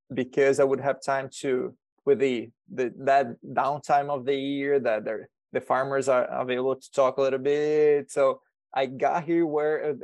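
A man's voice: mid-range voice, darkish tone, dry recording. A man in his thirties from Brazil, speaking with a Brazilian accent, answering questions as a guest in a podcast interview, often restarting and repeating words. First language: Portuguese. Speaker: extension educator guest.

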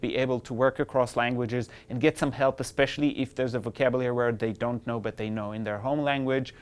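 A Hebrew-speaking educational technology presenter, whose voice is smooth and medium-pitched, gives an upbeat, explanatory screencast tutorial on classroom apps.

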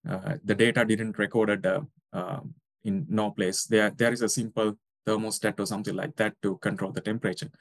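A man's voice: on the low side, level tone, brisk, creaky, dry recording. A young man from Sri Lanka, a researcher answering interview questions with many hesitant fillers. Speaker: guest researcher.

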